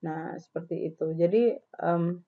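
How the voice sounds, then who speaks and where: A woman's voice: fairly low pitch, steady tone, unhurried, gravelly. Woman lecturing over tinny, lo-fi audio. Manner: conversational, many fillers, acts out client dialogues. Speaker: nutrition lecturer. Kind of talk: recorded university lecture.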